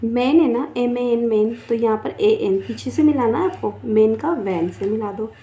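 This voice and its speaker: A woman's voice: on the high side, normal speed, warm tone, echoey room. A woman teacher giving a patient phonics lesson, spelling words letter by letter and asking a child to repeat after her. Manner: calls the pupil beta, asks them to repeat after her. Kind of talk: Hindi-language English phonics lesson.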